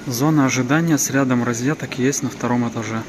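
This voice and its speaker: A man's voice: mid-range voice, fast. Man narrating in a noisy airport. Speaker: travel vlogger. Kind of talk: casual trip-report narration. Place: large indoor airport terminal. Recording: noisy airport terminal ambience.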